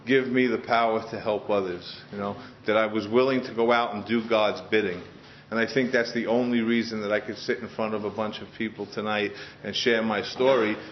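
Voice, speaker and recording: A man's voice: fairly low pitch, a little hiss or hum. Earnest New man sharing his story. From Queens, New York. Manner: earnest and heartfelt, with frequent restarts. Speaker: speaker sharing his story at a recovery meeting. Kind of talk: personal testimony to a group. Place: meeting room in front of a group. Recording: dull lo-fi sound.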